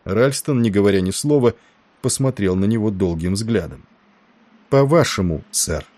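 A man narrating a novel in a steady, measured reading. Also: lowish voice, dry recording. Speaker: audiobook narrator. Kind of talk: scripted narration.

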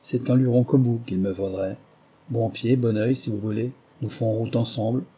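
Guy doing an old peddler quack, chatty and coaxing, husky and kinda dark. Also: mid-range voice, fairly even intonation, moderate pace, lightly acted. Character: aging male traveling quack peddler, jovial.

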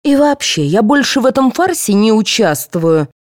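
A woman voicing a rude, indignant young female secretary who shouts and talks back in an audiobook. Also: mid-range voice, sing-song, normal speed, no echo, clean studio sound, voice pushed up.

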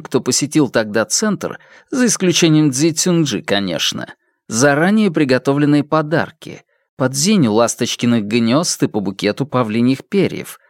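A narrator reading a novel aloud in a lively, expressive way. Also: mid-range voice, no room sound, clean studio sound. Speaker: audiobook narrator. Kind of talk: scripted narration.

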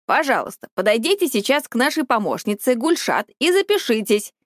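A strict middle-aged deputy head of a school addresses students in a formal announcing tone, her voice set high with a lively lift, as a woman narrator puts her on. The sound is dry and close. It suits a storybook reading. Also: brisk, no room sound. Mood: official.

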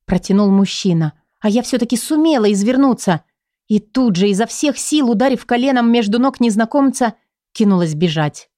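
A woman narrating a first-person audiobook in an expressive, measured way. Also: a little high, no echo, clean studio sound.

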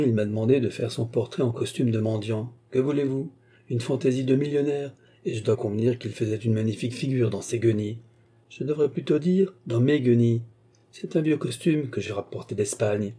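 A man reading aloud, voicing a cheerful, teasing male painter in a husky, dark voice. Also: medium pitch, fairly quick, natural voice. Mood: amused. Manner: breezy, teasing.

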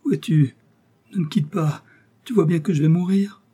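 A man's voice: mid-range voice, moderate pace, warm tone, slightly rough, natural voice. A man reading an audiobook voices a frightened young woman, loving and faint, who pleads breathlessly. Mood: anguished.

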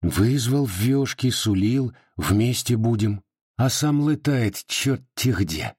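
A man voicing a fiery, impatient young Cossack woman in an audiobook, pleading and snapping with a husky edge. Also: medium pitch, lively intonation, takes it slowly, a little mellow, dry recording, studio quality. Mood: bitter.

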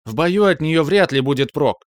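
A man's voice: on the high side, expressive, moderate pace, no room sound, studio quality, pitched above the performer's own voice, natural voice. A man voicing a blunt young female companion in an audiobook. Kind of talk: audiobook character voice.

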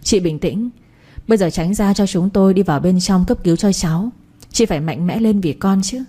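A woman voicing a calm, firm female hospital nurse in a read-aloud story. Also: medium pitch, fairly quick, slightly rough, natural voice.

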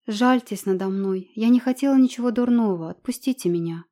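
A woman's voice: a little high, fairly quick, warm tone, lightly acted. A woman narrator voicing a young runaway princess, pleading and frightened, in an audiobook. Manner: pleading, breathless.

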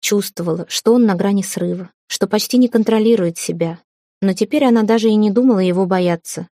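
Woman audiobook narrator, mellow, close dry mic, even storytelling. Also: medium pitch, brisk, no echo. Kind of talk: scripted fantasy narration.

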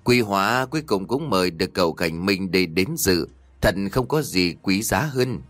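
A man voicing a bossy, quick-tempered old rich man in a spoken story. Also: sits low, animated, no room sound. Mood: fawning. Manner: shouting, bossy.

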